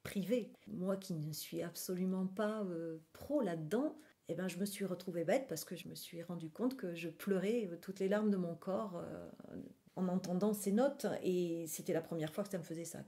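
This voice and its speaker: On a radio program, a female guest who is a graphic artist talks about a gallery event she is presenting. Her voice is dark and lowish and moves at a moderate pace, and she explains with enthusiasm while hunting for the right words.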